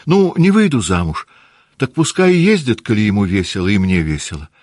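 A lively teenage girl, teasing and insistent, as a male audiobook reader puts her on. The voice is raised well above his own and swings widely in pitch. The studio sound is close and dry. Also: slow, slightly rough, no echo, full character voice. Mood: excited. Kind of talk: audiobook character voice.

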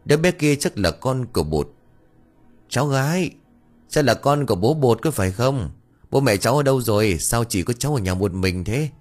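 A man playing a kindly, stubborn village man near fifty who coaxes a child gently and bickers with his wife. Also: mid-range voice, animated, moderate pace, soft background music, natural voice. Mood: coaxing.

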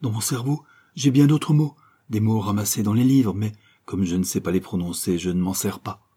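A man's voice: on the low side, steady tone, moderate pace, mellow, husky. A man playing a humble young sailor. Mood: earnest. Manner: earnest, self-conscious.

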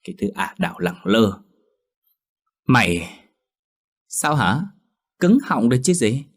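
Một người đàn ông lồng giọng cô hầu gái trẻ ghen tuông, nói giọng mỉa mai, thách thức. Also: male voice, medium pitch, big pitch swings, slow, voice pushed up. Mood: mocking. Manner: mocking, defiant. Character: jealous scheming young maidservant.

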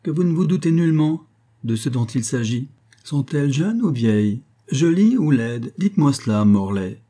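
A man voicing a lively, teasing, deaf old mother who speaks in raised, merry questions. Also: mid-range voice, moderate pace, pitched above the performer's own voice, close to an everyday voice.

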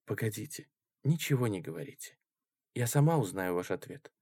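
A devout, defiant young woman speaks quietly and intensely, voiced by a man reading an audiobook. Her words come low and brooding, then flare. The recording is dry and close. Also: animated, moderate pace, husky, no room sound. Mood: hushed.

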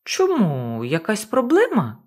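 A woman voicing a sluggish young male deckhand who talks in a slow, unbothered drawl. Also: mid-range voice, wildly swooping pitch, voice pushed up, heavily acted. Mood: lazy.

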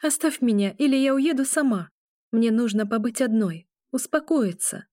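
A scared young she-wolf, heavily pregnant and quick to accuse, her voice pushed high and tight with fear, as a woman reads her. Her lines land dry and close in an audiobook. Every word carries a hysterical edge. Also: animated, dark tone, no echo, natural voice. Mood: tearful anger. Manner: high-strung, fearful, accusing.

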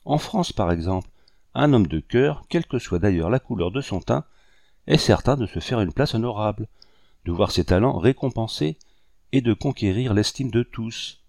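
A man voicing a gentle young French lady. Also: on the low side, expressive, normal speed, creaky, no room sound, clean studio sound. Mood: earnest pleading. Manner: gentle, pleading and courteous. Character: earnest young French lady of colonial gentry.

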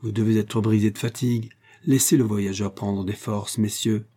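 A man reading aloud, voicing a lively young Parisian woman with bright, excited exclamations. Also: on the low side, normal speed. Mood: warm.

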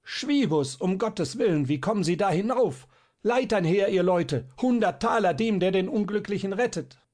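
Man doing a frantic rescuer yelling. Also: expressive, moderate pace. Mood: frantic shouting. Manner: shouting, high and urgent. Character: man shouting desperately in a crowd at a fire.

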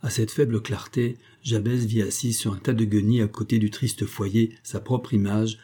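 Dark, husky male audiobook narrator. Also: on the low side, level tone, moderate pace. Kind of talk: reading a Victorian novel aloud.

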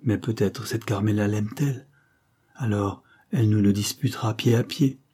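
A man's voice: on the low side, steady tone, moderate pace, dark tone, husky. Man voicing an earnest young duchess.

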